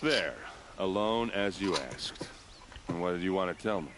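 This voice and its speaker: An actor playing a bitter, tipsy guard captain in grief in a video game, gruff and halting. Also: male voice, deep voice, lively intonation, background noise. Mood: commanding.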